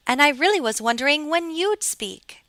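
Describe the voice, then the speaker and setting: Bright, prim, lilting talking rose, acted by a woman. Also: high-pitched, lively intonation, normal speed, voice pushed up. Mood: condescending. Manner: prim, condescending. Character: prim, severe, critical talking rose flower. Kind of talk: storybook character voice.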